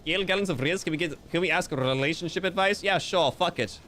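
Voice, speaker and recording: Fast-talking and sharp-toned, this man has a fairly high voice, with slight background noise behind him. During a casual livestream, he reads out viewer comments with theatrical playfulness and mock-grandiose joking.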